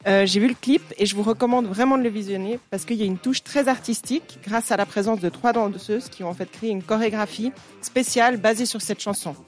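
A woman, telling the story behind a song in a lively way in her radio music segment. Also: mid-range voice, brisk, hardly any pauses. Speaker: radio columnist. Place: radio studio.

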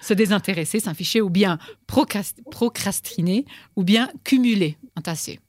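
A woman's voice: medium pitch, normal speed, a little mellow, no room sound. A woman hosting a radio quiz from a studio, teasing her guests and laughing often between questions.

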